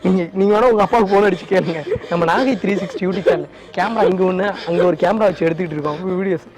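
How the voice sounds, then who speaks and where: A man's voice: high voice, fast talker. A man hosting a prank video, coaxing and apologizing over and over with nervous laughs. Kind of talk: casual pleading apology. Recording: loud background music.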